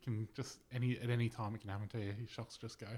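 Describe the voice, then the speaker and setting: A man's voice: fairly low pitch, little pitch movement, fast talker, a little mellow. A man hosting a podcast in casual chat with a wry, joking manner. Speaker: podcast host.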